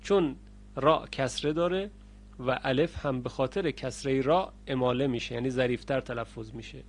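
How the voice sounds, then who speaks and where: A man teaching the rules of Quranic recitation. He speaks to his students and stops to chant each example word slowly and loudly. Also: medium pitch. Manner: addresses learners directly. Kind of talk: recorded lesson on Quranic readings.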